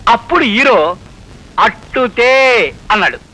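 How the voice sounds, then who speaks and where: An actor playing a man who tells a comic tale in a slow, drawn-out listing voice, in film dialogue. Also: very high-pitched, lively intonation, sharp tone, full character voice, rough recording. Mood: drawling. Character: man telling a long comic tale with a server's lists. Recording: film soundtrack with music.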